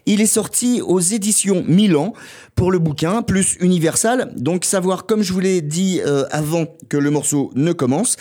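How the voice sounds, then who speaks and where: A man hosts a radio music segment in a loose, joking manner, his voice sitting a little high for a man. He stops often to hesitate and restart. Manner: relaxed and jokey, with frequent hesitations. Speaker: radio host. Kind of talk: casual radio music presentation.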